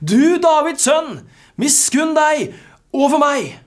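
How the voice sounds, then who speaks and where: A preacher voicing a blind male beggar who cries out loudly and pleads for mercy, with a husky voice. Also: high voice, very animated, voice pushed up. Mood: desperate pleading. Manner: shouting, pleading.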